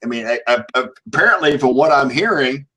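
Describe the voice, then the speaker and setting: A man hosting casual sports talk in a halting way, often repeating words as he goes. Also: medium pitch, lively intonation, sharp tone, husky. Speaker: sports show host.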